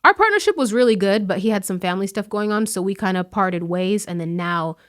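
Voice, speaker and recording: A woman's voice: mid-range voice, fairly quick. A woman in her thirties from the United States, a real estate wholesaler, talking casually as an interview guest with plenty of fillers. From United States, raised in Las Vegas. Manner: chatty, relaxed, lots of "like" and "um".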